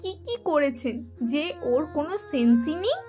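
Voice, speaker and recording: A woman's voice: high voice, very animated, normal speed, over music. A woman voicing a protective, defiant young woman friend in an audio drama, asking pointed, challenging questions.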